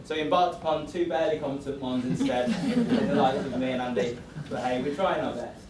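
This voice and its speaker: A man's voice: mid-range voice, steady tone, brisk. A man giving a scripted wedding toast as best man, joking in a self-deprecating way. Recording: echoey room, distant mic, noisy venue.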